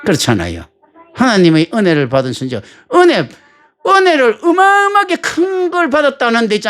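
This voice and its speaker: A man's voice: a little high, fairly bright tone. A male pastor preaching a sermon in a colloquial, joking way, full of rhetorical questions.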